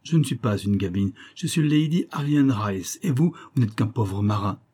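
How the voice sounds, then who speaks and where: A man reading the lines of a proud, quick-tempered young aristocratic woman in an audiobook. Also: fairly low pitch, expressive, warm tone, breathy edge. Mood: indignant. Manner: haughty, quick-tempered outbursts.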